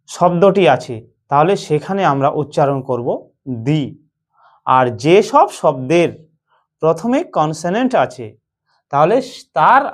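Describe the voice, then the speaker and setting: Male teacher with a Bengali accent, fairly high voice, slow and deliberate, quizzing himself as he goes. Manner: slow, repetitive, asks and answers his own questions. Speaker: English teacher. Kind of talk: slow spoken lesson.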